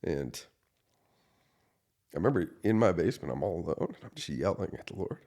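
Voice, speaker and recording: A man in his thirties, a pastor, earnestly telling a personal story in a podcast interview, going from quiet to loud. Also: deep voice, sing-song, brisk. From United States. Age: 30s. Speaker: associate pastor.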